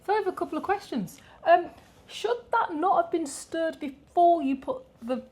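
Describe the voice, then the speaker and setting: A woman's voice: very high voice, animated, moderate pace, a little mellow. A British woman co-hosting a casual cooking video at home, teasing and skeptical. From Britain. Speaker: co-host. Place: home kitchen.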